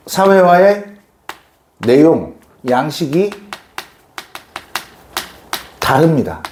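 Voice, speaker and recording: Lively male lecturer telling a story. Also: sits high, slight background noise. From South Gyeongsang, Korea. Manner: animated storytelling, acts out voices in quotes. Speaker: social studies lecturer. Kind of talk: classroom lecture with personal story. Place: classroom.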